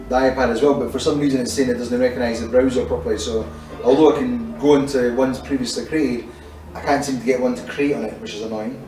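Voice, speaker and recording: A man's voice: medium pitch, mellow. A man hosting a casual gaming stream, joking with friends and humming game tunes. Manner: jokey, hums and sings game tunes. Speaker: stream host. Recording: roomy sound from a distant mic. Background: faint game music.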